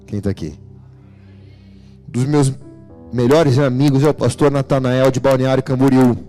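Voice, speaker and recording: A man's voice: fairly high pitch, dark tone. A man with a Brazilian Portuguese accent preaching a sermon in church, telling stories and calling out to the congregation. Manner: storytelling, calls out to the congregation. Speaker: pastor.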